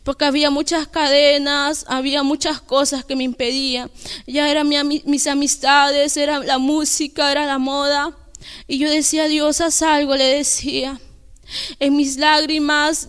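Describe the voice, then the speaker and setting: A young woman giving an earnest, halting personal testimony at church, with many restarts. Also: sits high, flat delivery, a bit bright. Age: young adult.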